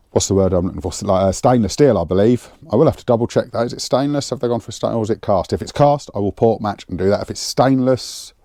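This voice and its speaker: A man's voice: fairly low pitch, dark tone, no echo. A man chatting casually while working on an engine in his garage, thinking aloud with lots of fillers, on a clip-on mic. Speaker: home mechanic vlogger. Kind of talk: casual workshop chat. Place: home garage. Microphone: clip-on lapel mic.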